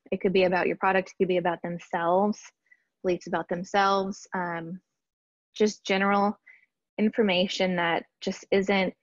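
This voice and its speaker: A woman talks through a marketing workshop in a casual, chatty way, filling her pauses with "um" and restarting her sentences. Her voice sits at a middle pitch. The sound is dry and a little dull, like a lo-fi recording. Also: no echo. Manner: chatty, lots of fillers and restarts. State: briefly out of breath. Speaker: marketing strategist presenting a workshop. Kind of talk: casual slide-based webinar teaching.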